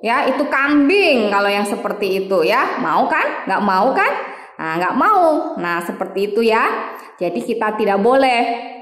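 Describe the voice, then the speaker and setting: A woman giving a children's sermon at church, animated and sing-song, stretching words out for emphasis. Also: mid-range voice, measured pace. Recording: echoey hall with long reverb.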